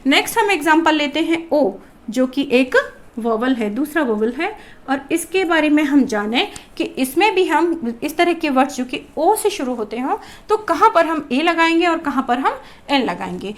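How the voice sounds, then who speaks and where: A woman's voice: sits high, very animated, moderate pace. A woman teaching a grammar lesson to children, asking a question and answering it herself. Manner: addresses viewers as children.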